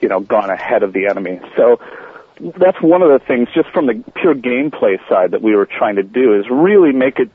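A man calling into a podcast as a game studio manager, talking at length in a relaxed, animated way. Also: mid-range voice, brisk, slight background noise. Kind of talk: phone-in interview. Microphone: telephone. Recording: tinny phone line.

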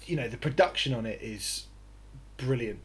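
A man co-hosting a music podcast, talking in a relaxed, rambling way with the odd swear. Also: mid-range voice, normal speed. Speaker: podcast co-host. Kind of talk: casual music review chat.

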